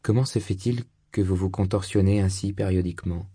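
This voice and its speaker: A man's voice: sits low, fairly even intonation, a little fast, dark tone, slightly rough, no echo, clean studio sound. A man reading the part of a bewildered, courteous man of about thirty in an audiobook. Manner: hesitant and polite.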